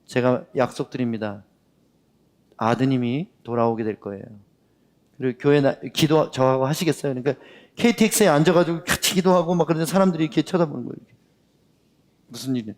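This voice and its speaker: A man's voice: medium pitch, quick pace, long pauses. Korean male preacher in a reverberant hall. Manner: lively storytelling that acts out the dialogue. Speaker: pastor. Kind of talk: sermon with storytelling. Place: worship hall. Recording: long reverb of a worship hall.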